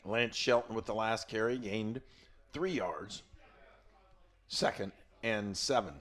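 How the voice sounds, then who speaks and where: A man's voice: fairly low pitch, takes it slowly, fairly bright tone. A man doing play-by-play commentary for a college football game, chatting and explaining the rules at length. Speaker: play-by-play announcer.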